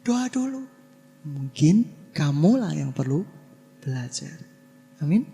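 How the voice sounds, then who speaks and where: A male pastor preaching a sermon. He swings between loud exclamations and quiet asides. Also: a little high, big pitch swings, slow, gravelly, faint music behind. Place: church hall. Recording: long church-hall reverb.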